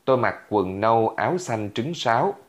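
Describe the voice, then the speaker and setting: A man's voice: on the low side, lively intonation, normal speed. A man narrating a first-person story in a vivid, dramatic way. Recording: dull lo-fi recording.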